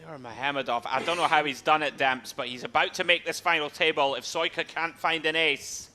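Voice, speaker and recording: Forceful, bright-voiced male poker analyst. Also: on the high side, steady tone, a little fast. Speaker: poker tournament co-commentator. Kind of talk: live commentary with conversational analysis.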